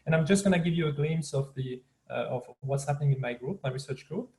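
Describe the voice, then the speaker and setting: A man's voice: a little high, quick pace, darkish tone, poor audio. French-speaking Swiss man, guest professor, upbeat presenter over a video call. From Switzerland. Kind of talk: online lecture.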